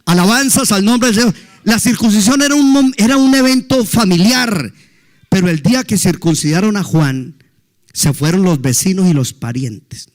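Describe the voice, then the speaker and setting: A man's voice: sits high, animated, normal speed. A middle-aged male pastor, preaching a sermon with emphatic exclamations of praise.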